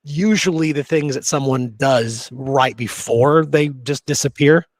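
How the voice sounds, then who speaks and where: A co-host of a history podcast tells old stories in a casual, colloquial, conversational way. His voice is medium-pitched and a little slow, captured in a dry recording.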